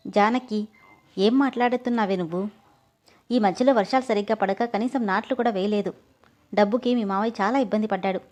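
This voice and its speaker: A woman voicing a worried, sharp-tongued middle-aged aunt in a read-aloud story. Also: medium pitch, fairly quick, natural voice. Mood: concerned.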